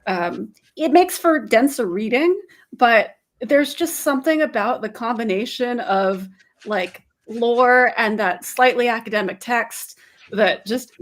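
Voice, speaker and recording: Thoughtful woman guest, slightly high voice. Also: animated, measured pace. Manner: thoughtful, with frequent um fillers. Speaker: podcast guest. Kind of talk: casual interview chat.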